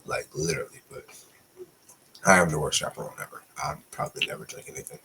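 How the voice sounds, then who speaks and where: A man's voice: a bass voice, animated, quick pace, vocal fry, pushed and bright, a little hiss or hum, poor audio. A young man casually telling a long storytime, slangy and profane, with a loose, rambling delivery.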